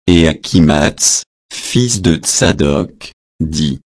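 A man reading scripture aloud in a measured, solemn way, announcing verse numbers and adding short translation notes. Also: rumbling low, animated, dry recording, studio quality. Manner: adds short translation notes between passages.

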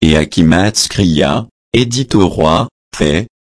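A man reading scripture aloud in a measured, solemn way, announcing verse numbers and adding short translation notes. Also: low-pitched, animated, dry recording, studio quality. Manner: adds short translation notes between passages.

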